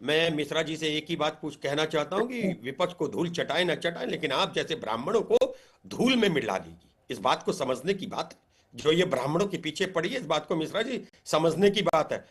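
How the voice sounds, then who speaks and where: A man's voice: on the high side, fairly bright tone, breathy edge. Mocking, taunting male debater. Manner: taunting, mocking, repeats jibes. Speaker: debate panelist. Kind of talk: heated TV debate argument.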